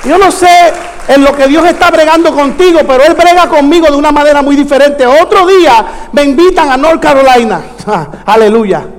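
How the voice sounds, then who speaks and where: A Puerto Rican man preaching a storytelling sermon in Spanish with a Puerto Rican accent, dramatically acting out dialogue and bursting into shouts. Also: extremely high pitch, a little fast, a faint crowd. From Puerto Rico. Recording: long hall reverb.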